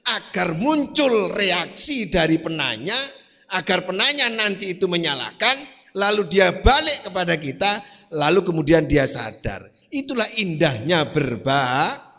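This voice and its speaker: A man's voice: sits high, sing-song, measured pace, sharp tone. A man preaching a sermon, quizzing his congregation with rhetorical questions. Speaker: Islamic preacher. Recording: long hall reverb.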